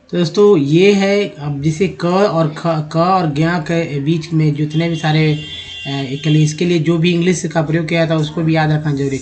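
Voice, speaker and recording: Hindi-speaking man slowly sounding out English words. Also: on the high side, darkish tone. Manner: slow, drawn-out spelling and sounding out of words; addresses viewers as friends. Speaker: English teacher. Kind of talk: explaining a lesson in Hindi.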